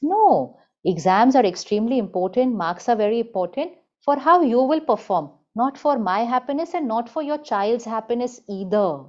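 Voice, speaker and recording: A woman spiritual teacher giving an emphatic motivational talk, repeating key lines slowly. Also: fairly high pitch, lively intonation, a little mellow, muffled recording.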